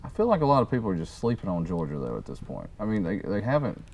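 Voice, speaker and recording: A man hosting a casual sports talk show, animated and quick to laugh. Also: fairly low pitch, creaky, husky.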